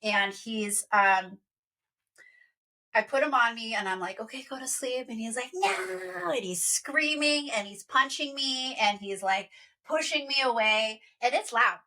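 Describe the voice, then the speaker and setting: Bright-voiced woman telling a story. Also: a little high, measured pace. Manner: animated storytelling. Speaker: podcast co-host. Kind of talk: casual chat.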